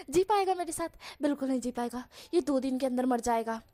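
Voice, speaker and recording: A woman's voice: high-pitched, moderate pace, mellow, natural voice. A woman voicing a sassy, dramatic young man who scolds and complains in exaggerated bursts. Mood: indignant. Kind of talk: storybook voice acting.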